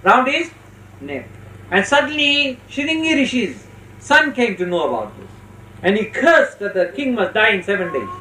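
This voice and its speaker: A spiritual teacher giving a religious discourse with parables, speaking instructively and slowly in short phrases with deliberate pauses. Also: medium pitch, big pitch swings, bright, forceful tone. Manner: instructive, checks listeners' understanding. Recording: roomy, distant mic with faint noise.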